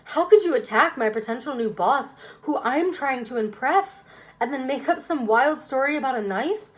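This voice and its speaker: A woman's voice: high-pitched, lively intonation, normal speed, pitched above the performer's own voice. A woman voicing a stern, angry father who scolds his daughter firmly and emphatically in a children's book reading. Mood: angry, ashamed.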